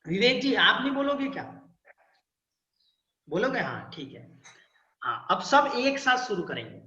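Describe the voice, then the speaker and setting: Guy teaching and leading a chant, bright forceful voice, drags out each vowel, roomy dull video call sound. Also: sits high, sing-song, unhurried. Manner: checks in often with "ठीक है ना". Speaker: spiritual teacher. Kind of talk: instructive talk leading a group chant.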